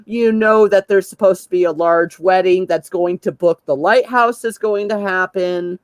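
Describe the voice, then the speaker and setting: A woman narrating as game master, self-deprecating and quick to laugh, with halting restarts. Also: on the low side, dry recording.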